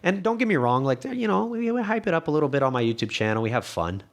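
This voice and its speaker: A man's voice: a little high, very animated, quick pace. A young man with a slight lisp, a podcast guest talking casually and rambling, with lots of swearing and restarts. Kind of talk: casual conversation.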